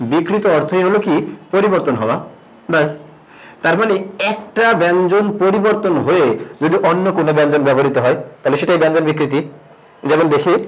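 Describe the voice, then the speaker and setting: Male teacher, grammar lesson, fairly high voice, asks and answers his own questions, slow low stress on terms. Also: poor audio. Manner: drops pitch and slows on key terms.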